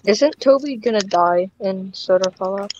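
A woman's voice: medium pitch, moderate pace, a little mellow, highs cut off, a little hiss or hum. A woman in a casual voice chat, hesitant and stumbling over her words. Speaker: chat participant, voice actor.

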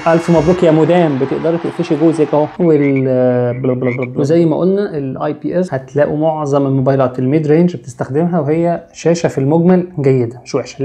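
A man's voice: on the high side, gravelly, warm tone. A young man with an Egyptian Arabic accent, explaining phone screens in a joking, chatty way and teasing the listener with street slang. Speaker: tech channel host. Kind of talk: comic tech explainer.

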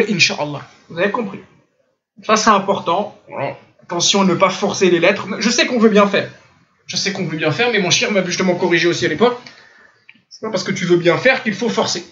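A man's voice: high-pitched, a bit bright, slight background noise. Emphatic man teaching over lo-fi chat audio. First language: French. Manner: corrects pronunciation by demonstrating sounds, emphatic and insistent. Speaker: Islamic teacher. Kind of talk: online religious lesson. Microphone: computer mic in online voice chat room.

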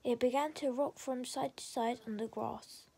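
A woman reading a children's bedtime story aloud in a soft, hushed voice. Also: high voice, fairly even intonation, moderate pace, slight background noise.

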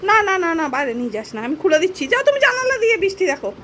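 A woman's voice: very high voice, very animated. A young woman filming at home, coaxing and chatting to her dog in a repetitive sing-song way. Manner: sing-song coaxing, repeats words fast. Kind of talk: casual home video, coaxing talk to a pet. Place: home indoors, by a window. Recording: noisy home phone recording.

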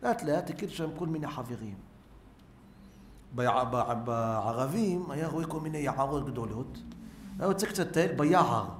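A man, a rabbi, giving a sermon full of acted-out stories, swinging between loud cries and hushed asides. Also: on the high side, expressive. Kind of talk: sermon with storytelling. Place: synagogue hall. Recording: roomy synagogue sound with faint noise.

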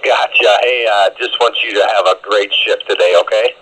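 A man's voice: fairly low pitch, fairly even intonation, moderate pace, fairly bright tone, low-quality recording. A man talking over a two-way radio, friendly and encouraging to a coworker.

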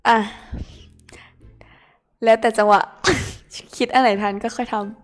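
A young woman from Thailand chatting playfully and excitably with viewers as she streams a game. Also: on the high side, slow pace. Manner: playful, excitable, talks to viewers while playing. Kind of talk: casual game streaming chat.

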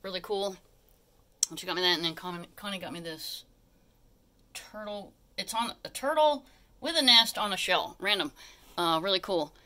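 A woman's voice: mid-range voice, animated, moderate pace, long pauses, bright, forceful tone. A middle-aged woman giving a casual, chatty live home tour in a small room, often getting sidetracked as she narrates behind a handheld phone. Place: small furnished living room, indoors. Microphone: handheld phone held by the person filming.

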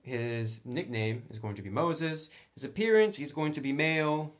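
A man whose voice sits on the high side talks through a tabletop game in an animated, moderately paced way. It's a casual step-by-step tutorial, with portions of the rules read out loud.

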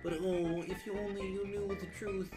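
A woman plays an old frog sage in a video game, a patient wise mentor. The delivery is measured and formal, often turning statements into gentle questions. Plucked-string music plays clearly behind the voice. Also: medium pitch, level tone, natural voice. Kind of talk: dramatised video game dialogue reading.

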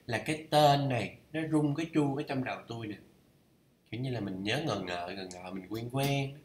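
A Vietnamese man talking through English idioms in a casual study vlog. He thinks aloud and reads English phrases slowly to check how they are pronounced. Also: mid-range voice, echoey room, slight background noise. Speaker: learner reading a course aloud.

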